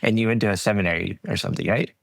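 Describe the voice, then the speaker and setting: A middle-aged man from Saudi Arabia, a podcast guest telling his story in a relaxed, conversational way with frequent restarts. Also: on the low side, very fast, creaky, slight background noise. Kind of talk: conversational interview.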